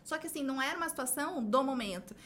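A woman's voice: high-pitched, expressive, racing, a bit bright, slight background noise. A woman with a Brazilian Portuguese accent, a podcast guest in casual conversation who talks expressively and acts out little bits of dialogue as she explains. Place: podcast studio.

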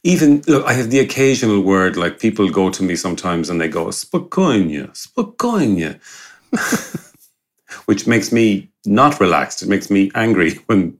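A man with a west of Ireland accent chatting casually in a relaxed, wry, joking way. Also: deep voice, normal speed. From Galway, west of Ireland. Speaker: podcast co-host. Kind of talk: casual chat.

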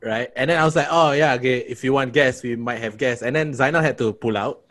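A man's voice: mid-range voice, quick pace, fairly bright tone. A man from Singapore hosting a casual comedy podcast, joking and rambling with frequent restarts. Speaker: podcast host.

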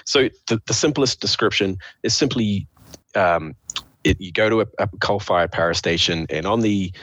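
A man with a croaky, froggy voice, hoarse from a cold, explaining things step by step in a conversational interview. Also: fairly low pitch, normal speed, fairly bright tone, no echo. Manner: explains step by step, posing questions to himself. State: hoarse with a cold, clearing throat. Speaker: interview guest, official of a state energy authority.

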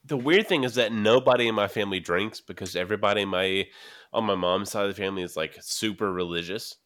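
A man's voice: on the low side, fast talker, a bit bright. A man in his late twenties on a casual podcast, a bit drunk and rambling, laughing often. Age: 20s. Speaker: podcast co-host. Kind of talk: casual chat.

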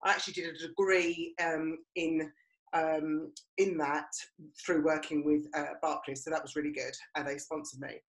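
Middle-aged essex woman chatting about her life on a podcast, lowish voice, roomy echo. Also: level tone, moderate pace. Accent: Essex English. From Romford, Essex, England. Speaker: podcast co-host. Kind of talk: conversational personal storytelling. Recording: roomy, echoey sound.

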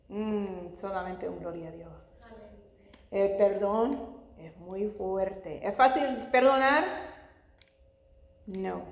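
A woman's voice: mid-range voice, creaky, a little mellow. A middle-aged woman preaching a sermon, punctuating her phrases with "glory to the Lord" and rising to fervent emphasis. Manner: repeats "gloria al Señor" between phrases, rising to fervent emphasis. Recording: echoey hall, long reverb.

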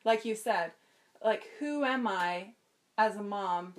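A woman talking casually and informally as a podcast guest, telling things in an animated way. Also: medium pitch, slow pace. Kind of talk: casual chat.

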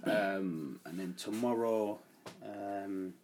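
A man's voice: lowish voice, very slow, a little mellow. A man with a London accent chatting casually as a podcast co-host. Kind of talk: casual chat. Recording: faint background noise.

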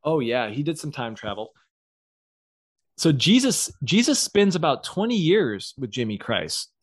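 A man's voice: a little high, very animated, measured pace, no room sound, clean studio sound. Man co-host spinning a comic story, loose and slangy, full of fillers. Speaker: podcast co-host. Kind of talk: casual brainstorming chat.

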